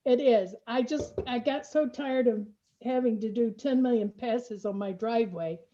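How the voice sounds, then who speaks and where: An older woman, a computer trainer, chatting and telling lively stories on a video call. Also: on the high side, moderate pace. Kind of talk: casual chat on a video call. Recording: muffled lo-fi video call audio.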